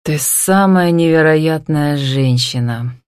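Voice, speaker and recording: A woman's voice: fairly low pitch, moderate pace, dry recording, studio quality, natural voice. A woman narrator voicing an angry, bossy older brother who barks orders. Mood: irate. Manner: shouting, bossy.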